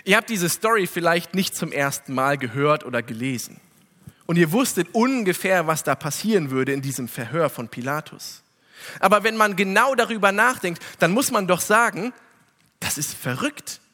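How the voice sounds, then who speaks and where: A man's voice: high voice, animated, normal speed, bright, forceful tone, in a large hall. A man preaching a sermon, reading scripture and then explaining it with rhetorical questions, speaking earnestly and directly to his listeners.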